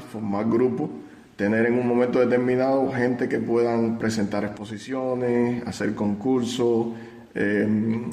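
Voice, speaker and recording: Cuban man answering, in an echoey room. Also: mid-range voice. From Cuba. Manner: relaxed, hesitant, with restarts and fillers. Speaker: visual artist and art teacher. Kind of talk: radio interview answers. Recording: echoey room with long reverb.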